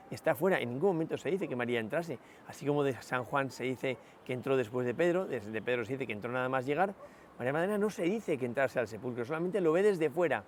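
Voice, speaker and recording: Reflective priest. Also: male voice, on the high side, a little mellow, a little hiss or hum. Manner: reflective, many rhetorical "¿no?" asides and hesitations. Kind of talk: spoken meditation, sermon.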